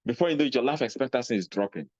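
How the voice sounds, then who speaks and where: A man with a Nigerian accent giving a motivational talk, animated, acting out little scenes in a raised voice. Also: mid-range voice, very fast, no room sound, lo-fi sound. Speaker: speaker on personal finance.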